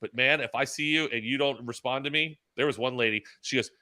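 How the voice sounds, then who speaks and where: A man co-hosting a casual podcast, telling animated stories and acting out what people said, laughing often. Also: mid-range voice, fast talker. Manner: animated storyteller, acts out quotes, laughs often. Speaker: podcast co-host and track announcer. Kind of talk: casual chat, storytelling.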